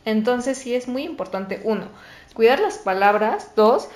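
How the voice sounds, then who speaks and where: A woman with a Mexican accent in casual conversation, talking animatedly and fast, often mimicking other people. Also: fairly high pitch, animated, darkish tone, echoey room. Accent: Mexican Spanish. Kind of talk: casual chat.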